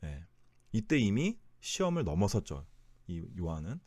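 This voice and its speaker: A man with a low voice leads a Bible study, his pitch swinging up and down as he asks his listeners questions. He sometimes corrects himself mid-sentence. The sound is dry, with no room echo. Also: big pitch swings, moderate pace, a little mellow.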